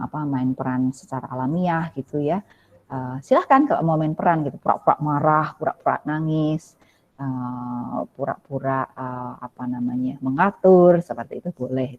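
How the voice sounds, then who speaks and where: A woman speaking on a video call, explaining child development gently and with many hesitations while answering a parent. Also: low voice. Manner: gentle, hedging, many fillers and "ya" tags. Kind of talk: live webinar Q&A, explaining to a parent. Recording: dull lo-fi video call audio.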